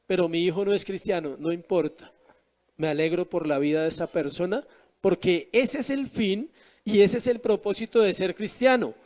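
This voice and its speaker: A man preaching a sermon as pastor, asking rhetorical questions with emphatic rises and drops. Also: high-pitched.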